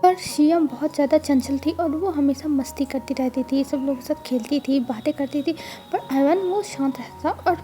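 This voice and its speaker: A woman casually narrating a fanfiction story in a chatty, explanatory way, pausing often. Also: high-pitched, dark tone, soft background music.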